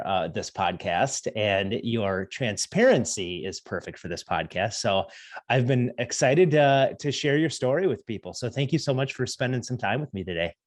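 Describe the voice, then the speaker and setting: A man hosting a podcast in a friendly, halting way with many fillers. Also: lowish voice. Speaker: podcast host. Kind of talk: casual interview chat.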